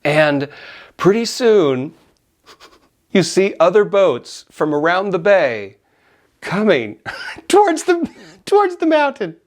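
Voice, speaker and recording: Animated middle-aged man telling a story. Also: sits high, takes it slowly, long pauses. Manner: animated, laughs often, acts out his own yelling. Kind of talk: casual personal storytelling.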